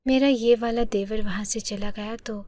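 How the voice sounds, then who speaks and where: A woman narrating a first-person story in a soft, partly whispered, emotional manner. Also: fairly high pitch, steady tone.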